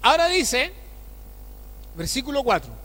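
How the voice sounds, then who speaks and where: A man's voice: very high voice, big pitch swings, unhurried, sharp tone. A male pastor preaching a sermon, checking in with the congregation through rhetorical questions. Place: church. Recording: church hall with long reverb.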